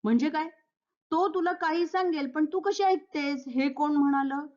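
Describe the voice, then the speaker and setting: A woman's voice: high-pitched, moderate pace, a little mellow, dull audio, pitched above the performer's own voice, lightly acted. A woman voicing a fussy, self-righteous older mother-in-law who scolds and preaches, in a Marathi play reading. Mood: defensive.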